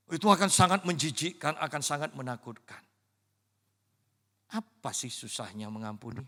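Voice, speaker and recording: A man preaching a sermon as pastor, dropping to hushed, slow stresses and rising to loud, high exclamations. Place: church sanctuary. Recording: reverberant church hall.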